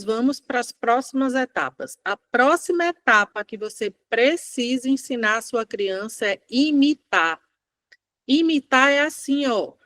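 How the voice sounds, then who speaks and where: A Brazilian woman speech therapist teaches parents directly, stressing and repeating each point with emphasis. Her voice sits a little high and sounds close and dry, with no room around it. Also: fairly bright tone, no echo. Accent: Brazilian Portuguese. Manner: emphatic, repeats key phrases, acts out parents' quotes. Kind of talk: direct-to-camera parenting lesson.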